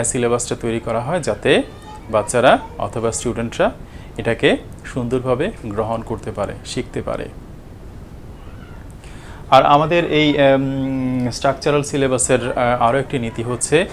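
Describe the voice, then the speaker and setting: A man's voice: medium pitch, a little hiss or hum. A man teaching a lesson, explaining step by step with many fillers and restarts. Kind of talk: explanatory lecture.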